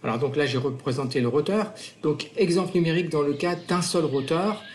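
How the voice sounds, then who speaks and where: A man's voice: fairly high pitch, a little fast. Hesitant man explaining a math method. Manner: counts steps aloud, hesitant with many fillers and self-corrections. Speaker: math teacher. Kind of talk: screen-recorded math lesson.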